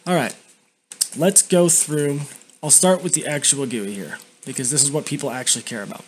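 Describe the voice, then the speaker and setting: A young man giving a casual, blunt, sweary software review, talking with tobacco dip tucked in his lip. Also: medium pitch, moderate pace. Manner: talks with a lip full of dip. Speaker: YouTube reviewer. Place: indoors at a home computer. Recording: constant background noise.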